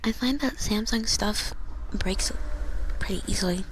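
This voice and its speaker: A young woman whispering softly in a casual ASMR chat with her viewers. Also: mid-range voice, a little slow. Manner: soft whispering, chatty, giggly. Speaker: ASMR streamer. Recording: noisy whispered mic recording.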